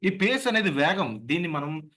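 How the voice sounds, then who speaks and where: A man with a Godavari Telugu accent giving an animated lecture on voice modulation as a public speaking trainer over a video call. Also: a little high, moderate pace. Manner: animated, slips into acted voices.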